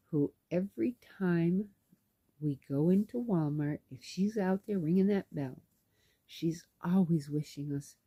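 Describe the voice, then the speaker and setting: Brief: chatty woman vlogger recounting her day, unhurried, with lively, swooping delivery. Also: sits low, slightly rough, no room sound. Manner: chatty, animated, acts out dialogue. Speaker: knitting vlogger and caregiver. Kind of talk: casual storytelling.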